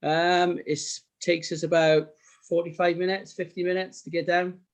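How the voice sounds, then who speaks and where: A man's voice: sits high, level tone, moderate pace. Modest man with a Welsh Valleys accent. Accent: South Wales Valleys. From South Wales. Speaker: podcast guest, sports graphic designer. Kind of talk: casual interview chat.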